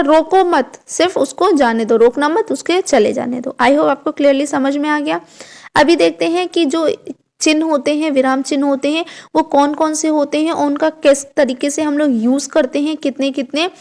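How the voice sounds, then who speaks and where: A young woman teaching an online grammar lesson for exam students, explaining step by step and asking herself questions before answering, with English words mixed into her speech. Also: sits high.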